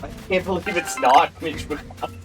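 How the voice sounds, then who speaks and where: A man's voice: on the high side, moderate pace, over music. A man in the apartment chiming in with brief, wry comments during a casual chat. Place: home apartment.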